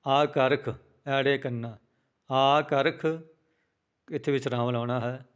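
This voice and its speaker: A man teaching pronunciation of a prayer, chanting verses slowly and then explaining the spelling in a quicker spoken voice, with a Punjabi accent. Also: medium pitch, fairly even intonation, clear, resonant tone, highs cut off. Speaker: scripture recitation teacher. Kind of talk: pronunciation lesson with chanted recitation.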